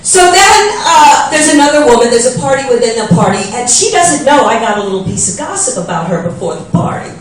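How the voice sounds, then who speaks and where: A woman's voice: on the high side, big pitch swings, brisk, few pauses, slight background noise. A middle-aged woman doing stand-up comedy, telling brash gossipy stories and acting out the voices of the people in them. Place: comedy club stage. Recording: echoey club sound from far off.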